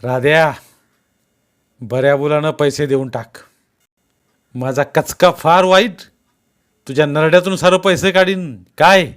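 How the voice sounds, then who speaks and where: A man voicing a harsh, bullying village police constable who shouts threats and barks orders in a read-aloud story. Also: a little high, steady tone, slow pace, hardly any pauses, clear, resonant tone, pitched above the performer's own voice. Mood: furious bullying.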